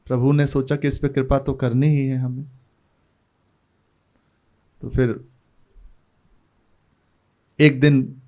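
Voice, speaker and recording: A spiritual teacher from India tells devotional stories in a calm, unhurried discourse. He speaks slowly, and his phrases often fade softly at their ends. His voice sits at an ordinary middle pitch for a man. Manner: slow, unhurried storytelling with soft trailing phrases.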